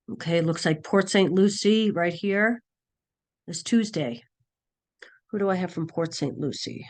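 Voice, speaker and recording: A woman instructor with a raspy, hoarse voice from a cold, leading an online class in a halting way, thinking aloud over a video call. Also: fairly low pitch.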